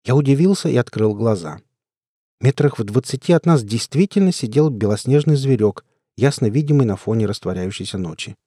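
A man narrating an audiobook in the first person, telling the story in a steady way. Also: medium pitch, fairly quick, breathy edge, no room sound, studio quality. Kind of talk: scripted narration.

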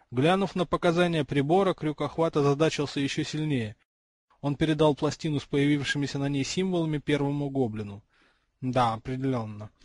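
A man reading a fantasy audiobook aloud, with steady, expressive storytelling. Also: on the high side, no room sound. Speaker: audiobook reader. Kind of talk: audiobook narration.

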